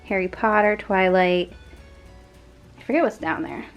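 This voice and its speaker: A woman's voice: medium pitch, unhurried, lo-fi sound, faint music behind. A young woman vlogging casually from her home office, chatty and rambling, laughing at herself often. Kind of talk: casual productivity vlog. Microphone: camera mic.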